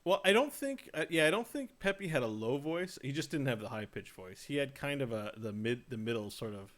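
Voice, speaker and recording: A man's voice: mid-range voice, expressive, a little fast, fairly bright tone. A man hosting a casual livestreamed gaming podcast, rambling and joking as he draws out his setups. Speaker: podcast host.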